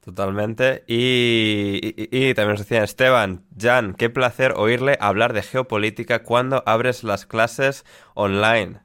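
A man from Spain hosting a casual podcast, relaxed with dry humor, reading out listener questions. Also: lowish voice, a little slow, clean tone, no room sound. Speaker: podcast host.

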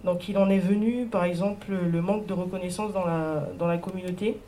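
Mellow-voiced woman from French Guiana. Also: fairly low pitch, steady tone, a little hiss or hum. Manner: halting, many fillers. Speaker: artist, workshop spokesperson. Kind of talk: spoken report to a group.

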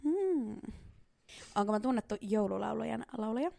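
A woman's voice: a little high, animated, creaky, mellow, dry recording. A woman co-hosting a casual podcast game, giggly and hesitant, thinking aloud as she guesses. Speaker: podcast co-host.

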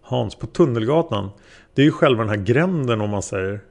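A man's voice: medium pitch, animated, gravelly, darkish tone. Man reading as a hesitant taxi-driver witness. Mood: unsure. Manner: hesitant, halting, plain-spoken. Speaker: witness being questioned. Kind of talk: read-aloud interrogation transcript.

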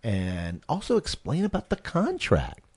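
Animated man chatting on talk radio. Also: medium pitch, unhurried, slightly rough. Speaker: radio show co-host and real estate agent. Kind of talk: casual talk radio chat with advice.

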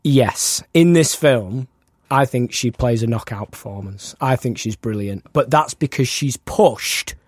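A man's voice: mid-range voice, measured pace, dry recording, clean studio sound. A man co-hosting a podcast, chatting casually and retelling film trivia at length. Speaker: podcast co-host.

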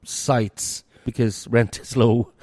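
Male podcast co-host, mid pitch, dry close sound, easygoing questions. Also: slow, slightly rough, dry recording. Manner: relaxed, asks questions. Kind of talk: casual interview chat.

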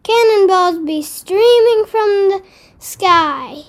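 A woman doing a high playful pirate bunny. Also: lively intonation, slow pace, full character voice. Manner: gruff pirate talk, playful and loud. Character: young boy rabbit playing a bold pirate captain.

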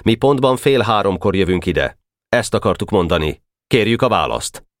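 A gloomy boy envoy, as a man reads him aloud, speaks stiffly and formally. His voice sits slightly raised above the narrator's low tone. The audiobook recording is close and dry. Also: expressive, no echo.

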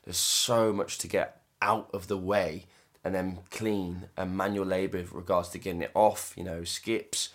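Man, British accent, low deep voice, casual podcast co-host, conversational. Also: little pitch movement, measured pace. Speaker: podcast co-host, property developer.

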